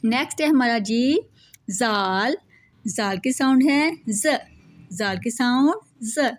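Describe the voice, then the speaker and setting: A woman with an Urdu-speaking Pakistani accent gives a children's alphabet lesson in a slightly high voice. She speaks slowly and patiently, saying each sound twice. She poses a question and then answers it herself. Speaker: teacher.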